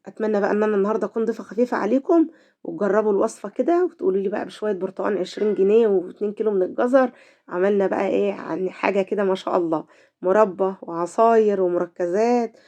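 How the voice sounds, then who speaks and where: Fast-talking Egyptian woman with a cold. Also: mid-range voice, warm tone. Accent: Egyptian Arabic. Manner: chatty, talks to viewers directly. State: voice affected by a cold. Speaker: cooking channel host. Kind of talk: home cooking tutorial.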